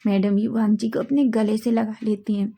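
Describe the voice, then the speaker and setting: A woman's voice: fairly high pitch, level tone, moderate pace, gravelly, mellow, husky. A woman narrating a fan fiction story in a casual, conversational way.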